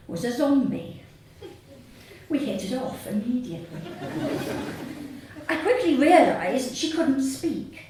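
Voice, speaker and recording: Live on a small theatre stage before an audience, a Sussex-born woman with a southern English accent and a slightly high voice reads her own humorous short story. Her delivery is deadpan and measured, with pauses. The hall is very echoey, the mic sits at a distance, and there is faint noise.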